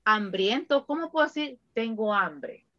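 Slow, bright-voiced woman English teacher. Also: fairly high pitch, expressive, highs cut off. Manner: bilingual, switching to Spanish to explain grammar; encouraging, drills students with countdowns. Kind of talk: online English class.

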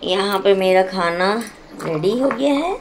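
A woman's voice: mid-range voice, animated, measured pace, a little hiss or hum. A young woman chatting casually to her viewers in a home vlog, talking about her day and her family. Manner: chatty, addresses viewers as guys. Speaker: vlogger. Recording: background music.

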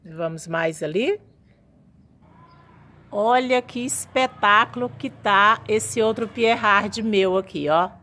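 A woman's voice: mid-range voice, takes it slowly, sharp tone. Chatty woman touring her orchid house. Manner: chatty, admiring, showing plants to viewers. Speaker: orchid grower vlogger. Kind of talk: casual walking tour narration.

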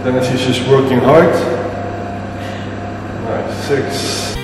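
Gym coach heard far off in a booming hall. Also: male voice, steady tone, drawn-out words. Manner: encouraging, counting reps, explaining muscles. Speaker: fitness trainer. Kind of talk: coaching a workout. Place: large gym indoors. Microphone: camera at a distance. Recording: distant voice in a reverberant gym with noise.

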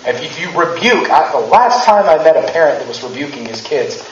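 Brisk and very animated, this preacher's slightly high voice carries over background noise. He's a man in his thirties giving a relaxed, humorous sermon in a church sanctuary, performing quotes with rising emphasis. Picked up by a handheld mic and a distant camera, the audio sounds roomy, far off and flat.

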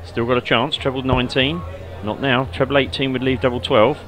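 A man's voice: medium pitch, level tone, fairly quick, a bit bright, soft background music. A man co-commentating on darts in a conversational style with brief, understated remarks. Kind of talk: live sports commentary, conversational. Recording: noisy venue with crowd behind. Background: crowd murmur.

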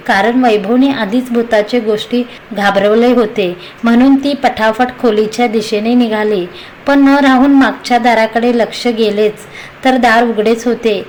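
Female storyteller, steady read-aloud narration, light high voice. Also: slight background noise, rough recording. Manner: steady, even reading aloud.

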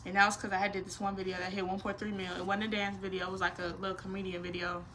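Talking very fast in a medium-pitched voice, a nineteen-year-old woman chats through a playful Q&A vlog in her small bedroom, with a little hiss or hum audible. She's animated and slangy, using expressive hand gestures.

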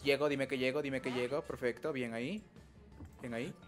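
A young man doing live gameplay commentary, excitable, trash-talking opponents and letting out sudden high yelps. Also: normal speed, faint music behind. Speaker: gaming streamer.

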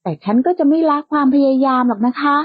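A woman with a high-pitched, expressive voice speaks fast, portraying a bold young woman who loves to tease. Her delivery is playful, outspoken, bright and teasing, in a dry, slightly lo-fi recording with no echo.

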